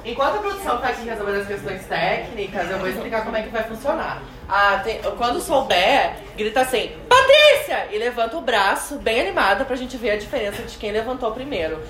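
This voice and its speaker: A woman's voice: on the high side, expressive, quick pace, few pauses, fairly bright tone. A woman co-hosting a live podcast, explaining game rules in a playful, teasing way. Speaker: podcast co-host. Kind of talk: casual live podcast chat. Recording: roomy live recording with audience.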